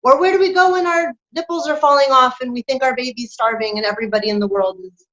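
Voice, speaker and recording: Speaking fast in a high-pitched, fairly bright voice, a woman lactation consultant gives a candid, lively interview, laughing as she goes. It's a conversational exchange captured in dull lo-fi sound.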